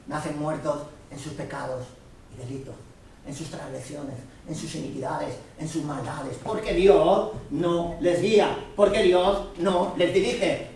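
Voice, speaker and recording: A man, teaching the Bible to a gathered congregation. His voice sits high for a man, and he keeps stopping to check that everyone follows. He is picked up from a distance in a very echoey room. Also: slight background noise. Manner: earnest teaching, checks the listeners often understand.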